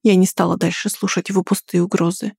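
A woman reading a first-person story aloud in a quiet, restrained way. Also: fairly low pitch, flat delivery, fast, vocal fry, breathy edge, no echo, studio quality. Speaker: audiobook narrator.

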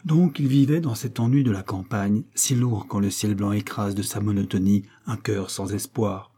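A man narrating a classic novel as an audiobook, slow and measured. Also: fairly low pitch, dark tone.

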